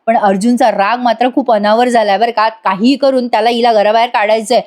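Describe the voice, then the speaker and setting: A woman recapping a soap episode in a fast voice-over, often addressing the audience directly. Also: a little high, fairly even intonation, a little mellow. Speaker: serial episode reviewer.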